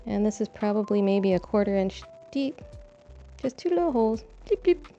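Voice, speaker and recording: A young woman chats on a stream from her home balcony, sowing seeds and rambling with self-deprecating humor. She talks at a normal speed in a medium-pitched, mellow, expressive voice. Recorded on a desk mic grazed by her braids, the sound is dull and lo-fi, with faint music.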